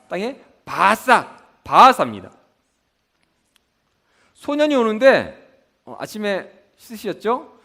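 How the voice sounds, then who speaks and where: Lively high-voiced man teaching a class. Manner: asks the class to repeat, then answers himself. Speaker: Bible school teacher. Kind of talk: mnemonic lesson with call-and-response questions.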